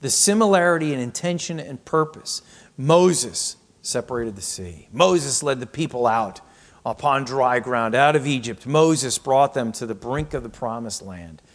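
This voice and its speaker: A man's voice: medium pitch, lively intonation, unhurried. A man preaching a sermon as pastor, reading scripture aloud and reflecting on it with rhetorical questions.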